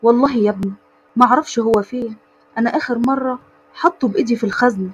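A woman's voice: on the high side, rapid-fire, lo-fi sound, noisy background, natural voice. A woman voicing an older male employee who pleads sadly in an Egyptian accent. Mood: pleading. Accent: Egyptian Arabic. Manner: pleading, sorrowful.

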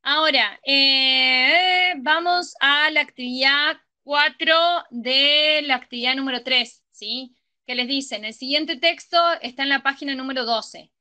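A woman tutors a grammar class, her voice high and bright. She moves through examples step by step and keeps checking that her students are following. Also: a little slow. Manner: checks understanding with frequent ¿sí? and ¿estamos?.

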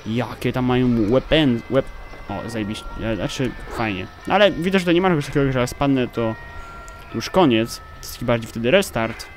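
A young man, commentating his gameplay with excited outbursts and swearing. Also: mid-range voice, brisk. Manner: excitable, exclaiming and swearing at the game. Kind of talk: let's play commentary. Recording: game music playing behind.

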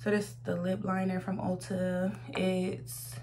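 A woman's voice: on the low side, completely flat delivery, a little slow, a little mellow. Slangy young American woman, humming room noise. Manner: slangy, sweary, informal. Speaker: beginner makeup vlogger. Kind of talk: casual chat, makeup tutorial. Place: small room at home, indoors. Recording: noisy home recording with hum.

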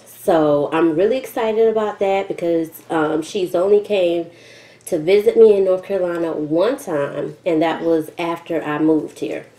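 Low-voiced woman chatting as she chews. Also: fairly even intonation, measured pace, dark tone. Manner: chewing while talking, eating. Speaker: mukbang vlogger. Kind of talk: casual chat to camera. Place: indoors at a table, kitchen setting. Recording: roomy echo with faint noise.

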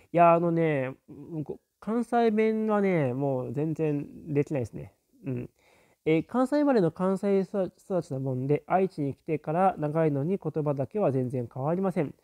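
Guy streaming live, reading out chat comments, mellow low-key voice, lots of hmm and um, just thinking out loud. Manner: musing, filler-heavy, frequent murmured "un" acknowledgements.

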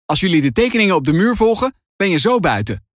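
Guy doing a bossy adventurous aunt, higher lively voice, dry close sound. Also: fast, no room sound. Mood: urgent, firm. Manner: urgent, commanding. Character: adventurous aunt, grown woman, calm and firm.

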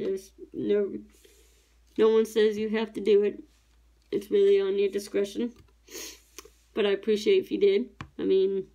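In a mellow mid-range voice, a woman in her thirties from Tennessee talks casually while doing diamond painting for her YouTube channel at an indoor craft table. Her chatter rambles and she keeps correcting herself.

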